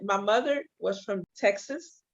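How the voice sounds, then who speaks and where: Speaking at a measured pace in a mid-range voice, this woman in her forties from Los Angeles, California, is a hair and makeup artist telling her story as a guest. The casual interview finds her open and storytelling, with animated moments, on dull lo-fi audio.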